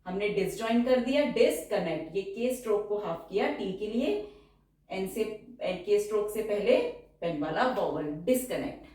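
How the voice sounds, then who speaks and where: A woman teaching a shorthand lesson, explaining each stroke step by step and repeating each word slowly to dictate it. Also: mid-range voice, a little mellow. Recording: distant, very echoey room.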